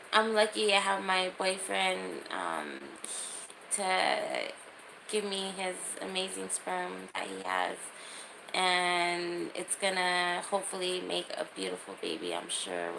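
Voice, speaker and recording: In a noisy setting, a woman in her thirties livestreams from a small room with her phone held out at arm's length, chatting casually as she reads and answers comments. Her voice sits lowish and sounds gravelly, with lively intonation and a slow pace.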